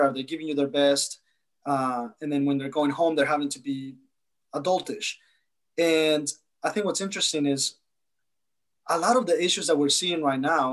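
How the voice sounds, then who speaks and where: Man from El Salvador, thoughtful, a bit high voice, searching for words. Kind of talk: panel discussion.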